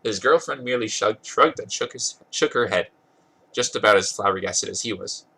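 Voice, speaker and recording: A man's voice: fairly low pitch, normal speed, pushed and bright. A man with a congested voice doing an amused dramatic reading of a comic story, stumbling over words now and then and correcting himself. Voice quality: husky, congested. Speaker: podcast host reading fan fiction aloud.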